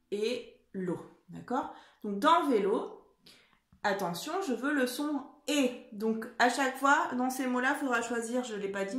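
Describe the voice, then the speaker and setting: In a room at home, a primary school teacher gives young children a spelling lesson, her slightly high, fairly bright voice echoing. She's patient and encouraging and keeps checking in with the class.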